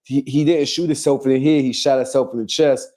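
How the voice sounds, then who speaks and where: Blunt profane man, dark voice. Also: medium pitch, fairly even intonation, fairly quick. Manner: blunt and profane, rambling with fillers. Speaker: podcast host. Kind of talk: casual chat.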